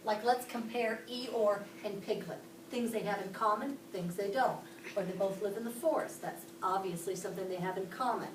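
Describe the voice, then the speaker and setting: This is classroom instruction from a woman from Pittsburgh, Pennsylvania, who walks the children through each step and asks them questions in a mid-range voice at normal speed. It's captured from far off by a camera across an echoey classroom, with background noise.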